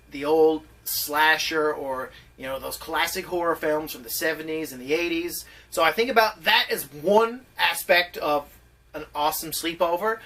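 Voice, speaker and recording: A man co-hosting a casual comedy podcast about movies, playful and quick to laugh. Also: fairly high pitch, sharp tone, recorded from a distance. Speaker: podcast co-host.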